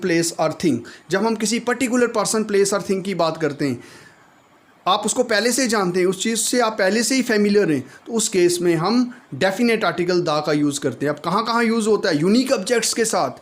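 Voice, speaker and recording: A man teaching a grammar lesson, explaining step by step and slowly repeating example words. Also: sits high.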